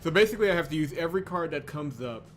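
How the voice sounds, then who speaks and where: Over faint music, a man with a slightly high, bright, expressive voice talks rapid-fire while playing through a visual novel for his channel. His casual commentary comes across exasperated and grumbly.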